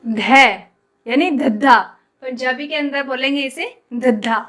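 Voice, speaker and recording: A woman's voice: high voice, measured pace, fairly bright tone. A woman teaching a Punjabi script lesson online, patiently explaining each letter step by step as she writes it and addressing viewers as guys.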